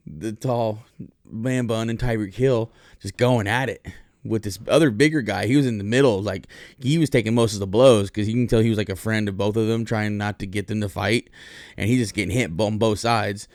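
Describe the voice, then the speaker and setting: Brief: male host, casual profane storyteller, lower voice, dry close sound. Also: fairly even intonation, fairly quick, a little mellow, no room sound. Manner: rambling, profane, lots of fillers. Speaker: podcast host.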